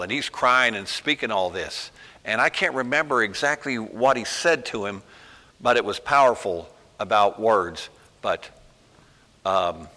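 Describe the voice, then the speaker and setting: A man's voice: fairly low pitch, sharp tone, big-room sound. A man preaching a sermon in a folksy, emphatic storytelling manner with many asides.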